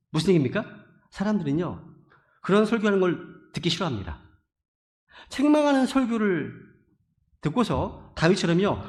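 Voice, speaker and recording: A man preaching a sermon as pastor, asking rhetorical questions and moving between quiet and loud passages. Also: high-pitched. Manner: animated preaching, swinging from hushed to loud exclamations; asks the congregation rhetorical questions.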